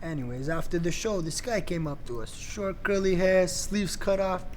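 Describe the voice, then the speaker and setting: An actor playing a rock band's lead singer who tells anecdotes about the band in a mockumentary interview. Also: male voice, high voice, normal speed, a little hiss or hum. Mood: storytelling. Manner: anecdotal, lively storytelling. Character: rock band frontman, male, storytelling interviewee.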